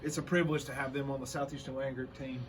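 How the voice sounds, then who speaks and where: A man's voice: mid-range voice, little pitch movement, quick pace, rough recording. A man co-hosting a chatty show preview teaser in an upbeat, promotional way. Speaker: show co-host. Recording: faint background noise.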